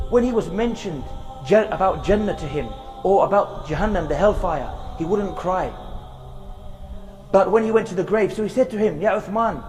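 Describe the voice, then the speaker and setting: Earnest high-voiced male preacher. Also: a little mellow, long reverb tail. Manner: earnest, repetitive emphasis, recites Quran verses. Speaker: Islamic preacher. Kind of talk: filmed religious reminder. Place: outdoors in a graveyard.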